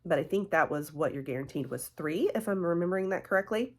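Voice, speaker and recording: A beauty vlogger with a cold sounds stuffy as she chats warmly with her viewers in a casual product review, full of fillers and laughs, calling them "guys" and "y'all." Her pitch is fairly low, and she talks fast and animatedly.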